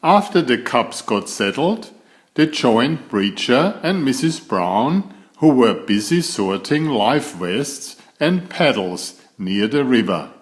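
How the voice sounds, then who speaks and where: With a medium-pitched voice, a man narrates a picture book for children in a careful, expressive storytelling style.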